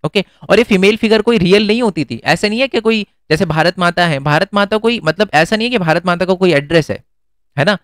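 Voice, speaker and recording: Man, history teacher, smooth resonant voice, slightly high, dry close sound. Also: a little fast, a bit bright, no echo. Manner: explains step by step with frequent check-ins to students; casual, conversational Hinglish teaching. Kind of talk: exam-prep history lesson.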